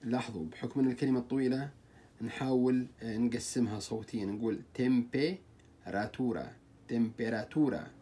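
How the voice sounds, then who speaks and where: A man's voice: medium pitch, steady tone, fast talker, mellow, breathy edge. A man teaching Spanish vocabulary, saying each word twice and breaking long words into syllables. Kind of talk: vocabulary lesson.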